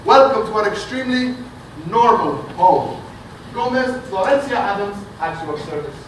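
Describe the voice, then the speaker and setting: An actor playing a flamboyant, theatrical family patriarch who tells grand stories, heard on a stage recording. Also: male voice, high voice, lively intonation, normal speed. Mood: grandiose. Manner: grandiose, showy storyteller. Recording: echoey theatre audio from far off, noisy.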